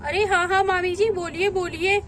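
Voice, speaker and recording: A woman's voice: very high voice, fairly even intonation, moderate pace, a bit bright, slight background noise. A woman voicing a polite, agreeable young village woman in a doll storybook.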